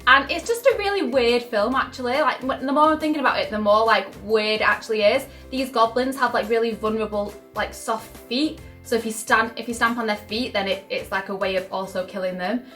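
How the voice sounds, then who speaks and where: Bubbly young woman, bright voice. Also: fairly high pitch, fairly quick, few pauses, soft background music. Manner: bubbly and gushing, many "like" fillers. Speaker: vlogger. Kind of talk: casual chat to camera.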